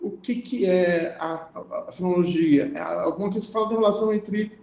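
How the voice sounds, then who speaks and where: A man's voice: high voice, brisk, vocal fry, darkish tone, roomy sound. A man lecturing on philosophy, reading passages aloud and then explaining them, often checking in with the listeners. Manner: reads passages aloud, then comments with frequent "né?" and restarts.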